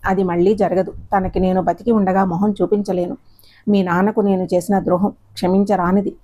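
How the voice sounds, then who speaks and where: A woman's voice: medium pitch, level tone, a little fast, warm tone, natural voice. A woman voicing a guilt-ridden middle-aged mother who speaks sorrowfully. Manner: sorrowful, pleading.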